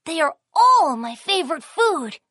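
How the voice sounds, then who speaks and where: A woman's voice: very high-pitched, sing-song, unhurried, bright, forceful tone, dry recording, studio quality, exaggerated voice. A woman voicing a cheerful young panda who hosts a children's science cartoon, with a sing-song, childlike manner. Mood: delighted. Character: cheerful young panda host named Kiki. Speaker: host.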